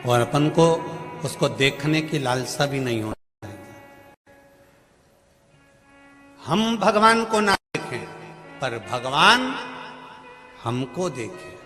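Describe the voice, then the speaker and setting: A man preaching a devotional sermon, telling folksy stories in an animated way and acting out the voices in them. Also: mid-range voice. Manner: animated, acts out voices in anecdotes, rises to shouts. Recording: long hall reverb, faint music.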